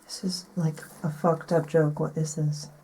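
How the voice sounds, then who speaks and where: A woman playing an uneasy young investigator in a found-footage horror film, speaking in a naturalistic, hushed way. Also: sits low, flat delivery, a little slow. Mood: uneasy, tense. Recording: noisy location sound with ambience.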